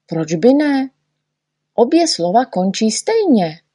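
A woman voicing a tiny, eager, boastful male know-nothing in a storybook reading, talking excitedly and bragging. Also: fairly high pitch, breathy edge, pitched above the performer's own voice. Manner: excited, shouty, quick to brag.

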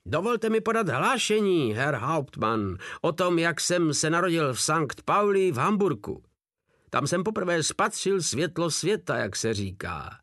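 Casting: man playing a cheeky rough soldier, mock-formal, voice leaping high and low, dry sound. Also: very animated, fairly bright tone, dry recording. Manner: mock-respectful, jumpy pitch.

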